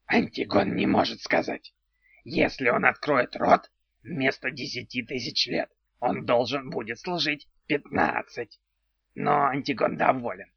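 A man voicing a gleefully perverse male house spirit in an audiobook, speaking slowly and strangely about himself in the third person. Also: medium pitch, creaky, husky, no room sound. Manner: slow, odd, talks of himself in third person. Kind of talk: audiobook character voice. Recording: dull lo-fi sound.

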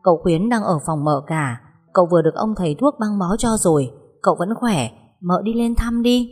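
A woman's voice: lowish voice, animated, a little fast, a little mellow, slightly rough, faint music behind. A woman doing a worried young servant girl. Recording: long hall reverb.

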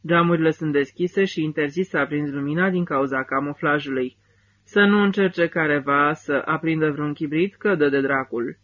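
A man's voice: fairly high pitch, steady tone, fairly bright tone, highs cut off, lightly acted. A man playing a curt, stern army officer. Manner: curt, barking orders. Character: stern male army officer commanding soldiers. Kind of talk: audiobook character voice.

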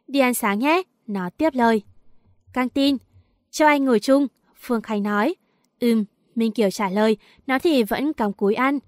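A woman narrating a story aloud and voicing its characters' lines with pitch shifts. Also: no echo, studio quality.

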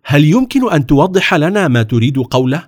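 A man's voice: medium pitch, very animated, brisk, dry recording, clean studio sound. A man voicing a powerful, curious sultan in a storybook reading, speaking in a commanding, questioning way. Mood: amazed.

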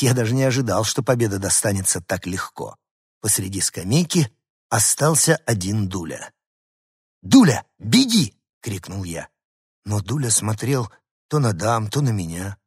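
A man narrates a children's story in the first person with an animated, expressive delivery. His voice is husky and mid-pitched. The recording is dry and close. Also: normal speed, dry recording. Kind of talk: scripted narration.

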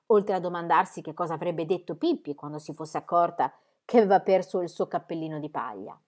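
A woman reading a children's book aloud with lively, expressive narration. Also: on the low side.

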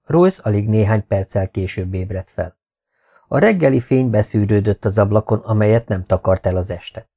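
A man reading a novel aloud as an audiobook narrator, in a steady, even manner. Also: on the low side, creaky, husky. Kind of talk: scripted narration.

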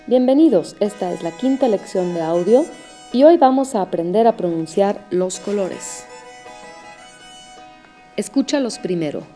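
A woman teaching an audio language lesson, explaining pronunciation slowly and carefully. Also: medium pitch, animated, warm tone, soft background music.

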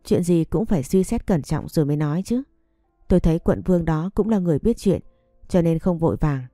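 A woman reading the lines of a calm, firm young male noble in a measured, gentle way. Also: lowish voice, no room sound, lightly acted. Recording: dry close recording, faint music behind.

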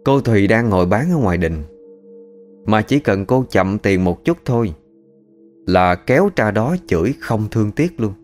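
A man's voice: lowish voice, a little mellow. A man narrating a ghost story in a colloquial, chatty way.

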